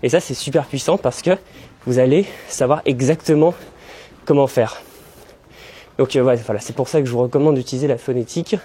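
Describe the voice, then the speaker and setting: A man's voice: mid-range voice, brisk, long pauses, mellow, slightly rough. A young man hosting a language-learning vlog, chatting in a loose, rambling way as he walks city streets with a handheld camera. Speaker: language-learning video host. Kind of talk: casual walking vlog. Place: outdoors, walking through city streets.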